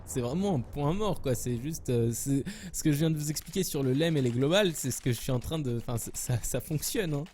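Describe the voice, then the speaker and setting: A man casting a live esports match alone, rambling and joking between plays, with quick bursts of excitement at big moments. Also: on the high side, a little hiss or hum. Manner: jokey, rambling, self-mocking asides. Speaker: esports caster. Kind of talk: solo live game commentary.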